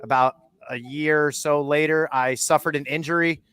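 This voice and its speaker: A man in his thirties, a podcast guest, telling his story in a candid, measured way with many fillers. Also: fairly high pitch, steady tone, a bit bright, smooth. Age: 30s. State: holding a baby on his lap. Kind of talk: casual chat.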